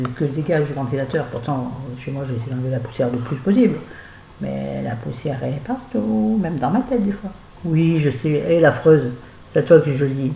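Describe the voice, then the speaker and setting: A woman's voice: sits low, dark tone, roomy sound, slight background noise, low-quality recording. A woman chatting casually to camera in a book review vlog, digressing often and talking straight to her viewers, at home. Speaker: book vlogger. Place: at home with a fan nearby.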